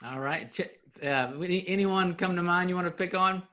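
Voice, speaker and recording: A man's voice: high-pitched, fairly quick, muffled recording. A man co-presenting a live online training session, casual and self-deprecating, inviting the audience to join in.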